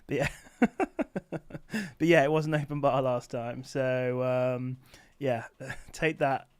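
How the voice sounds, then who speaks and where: Here the man's medium-pitched voice is steady and unhurried, with a clean tone on a dry recording. Working from an office, he runs an informal livestream, rambling through answers to viewers asking about selling online.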